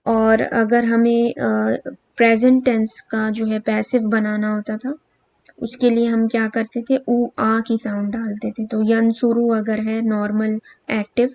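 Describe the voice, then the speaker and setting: Woman teacher reciting verb drills, gravelly and flat, dull dry lo-fi audio. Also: fairly high pitch, no echo. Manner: patient, drilling verb forms slowly. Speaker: Arabic grammar teacher. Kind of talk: recorded lesson, slow recitation drills.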